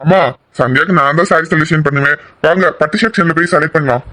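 A man voicing an eager young groom in an animated family drama, proud of his bride and reassuring. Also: fairly high pitch, fast talker, dry recording. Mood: doting.

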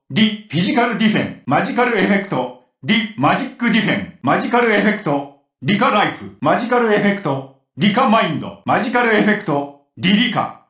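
A game voice actor delivers Japanese anime video game battle clips as a gruff, brash grown warrior who loves cooking. His voice is pretty high for a man, with swingy pitch and an exaggerated, forceful, rough-spoken, cocky delivery. The sound is roomy, from a distant mic.

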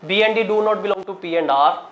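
A male teacher with a North Indian accent and a distinctly high voice works through exam problems. He speaks in short instructional chunks, repeating key items and stressing them as he goes. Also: quick pace, poor audio. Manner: instructional, short broken phrases with repetition and emphasis. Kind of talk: classroom lesson, solving problems step by step. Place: indoor teaching studio in front of a digital board.

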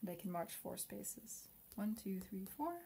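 A woman's voice: mid-range voice, measured pace, vocal fry, slight background noise. Woman reviewing solo board games. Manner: quiet and muttering while playing, chatty and upbeat when reviewing.

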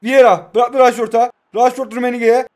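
Through heavy background noise, a very high-pitched young man in his twenties calls a mobile football game at normal speed. The excited commentary is casual and jokey, as he pokes fun at himself and his viewers.

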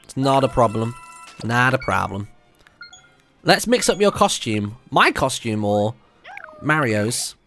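A man's voice: mid-range voice, big pitch swings, takes it slowly, long pauses, pushed and bright. A young British man giving casual, chatty gameplay commentary to viewers on a close mic, thinking aloud as he plays. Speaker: video game streamer. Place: indoor room, streaming setup at home. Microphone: close microphone on a stand. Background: video game music.

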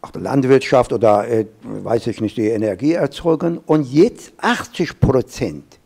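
A man in his fifties from Iran, speaking German with an Iranian accent on a panel, with halting restarts and fillers, holding a handheld mic. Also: medium pitch, animated, gravelly, darkish tone, slightly rough. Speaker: professor, panel guest. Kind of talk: panel discussion. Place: small event studio with glass wall.

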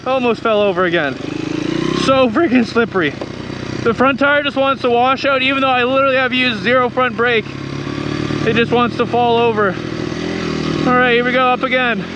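Riding a dirt bike through snowy woods, a man in his twenties cheers himself on and exclaims excitedly to the camera in a very high-pitched voice at normal speed, with long pauses. The audio comes first from a helmet or action camera and then a selfie camera held at arm's length, with loud engine and wind noise from the motorcycle.

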